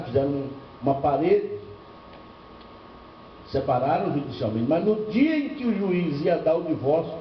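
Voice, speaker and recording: With a high voice, an older pastor from Bahia in northeastern Brazil preaches at a church seminar, spinning humorous anecdotes and questioning the room rhetorically. The recording is dull and lo-fi, made from a distance in a reverberant church hall with faint background noise.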